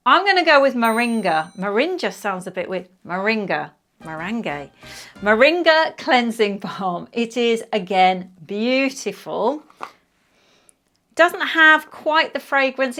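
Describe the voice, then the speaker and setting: A woman's voice: mid-range voice, a bit bright. A woman over fifty talks her viewers through a casual product review. She is chatty and effusive, gushing with enthusiasm as she goes. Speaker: beauty vlogger.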